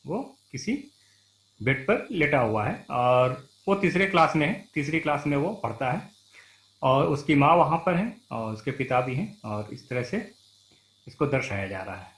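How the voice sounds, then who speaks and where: A man's voice: mid-range voice, expressive, measured pace, a bit bright. A male teacher explaining a textbook play, reading each line and then paraphrasing it in simple words. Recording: roomy echo.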